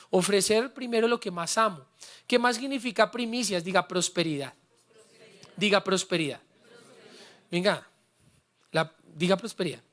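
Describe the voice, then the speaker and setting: A pastor whose voice sits high and fairly bright preaches fervently, having the congregation repeat after him. He also tells a personal story with heartfelt feeling.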